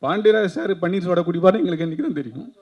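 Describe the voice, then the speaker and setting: Brief: reporter asking teasing questions, slightly high, dull recording. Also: male voice, very fast. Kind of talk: press question.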